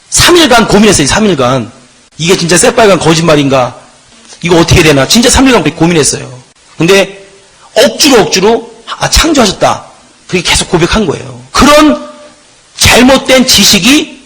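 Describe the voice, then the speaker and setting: A man's voice: high-pitched, breathy edge, poor audio. A middle-aged man giving a Bible lecture, often putting rhetorical questions to his class. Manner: lively, emphatic lecturing. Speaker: Bible teacher.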